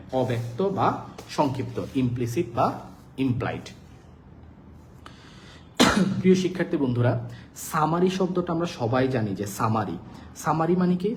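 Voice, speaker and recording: A man's voice: mid-range voice, slight background noise. A man teaching vocabulary in a live online lesson, repeating words and their meanings over and over and asking his students check questions. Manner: repetitive drilling of words and meanings.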